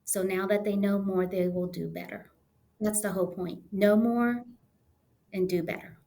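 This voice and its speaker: A woman's voice: mid-range voice, steady tone, moderate pace, mellow. Woman, podcast guest, earnest and emotional storyteller, mid-range voice. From United States. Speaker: podcast guest, testing coordinator. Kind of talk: conversational storytelling interview.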